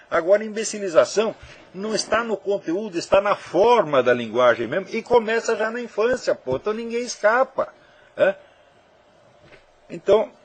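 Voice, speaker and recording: A man's voice: high voice, slightly rough. A man with a Brazilian Portuguese accent giving an informal spoken lecture, digressive and emphatic and swearing often.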